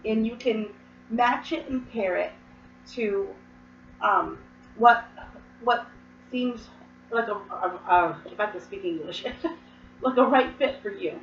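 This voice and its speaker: A woman's voice: mid-range voice, slow pace, pauses often, a little hiss or hum. A woman with a cold explaining a hobby practice in a casual, rambling way with many fillers and asides. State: hoarse from a cold, occasional coughs. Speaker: host. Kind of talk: casual instructional talk. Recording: roomy, distant, dull mic.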